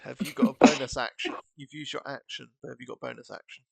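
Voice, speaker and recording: A man narrating a tabletop game as game master, improvising in a halting, casual way. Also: medium pitch, fairly even intonation, creaky, fairly bright tone, slightly rough, no echo.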